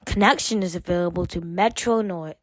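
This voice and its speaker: In a lowish voice, a woman delivers scripted train announcements like an automated system, with measured, set phrases broken into segments. The recording is dry and studio quality.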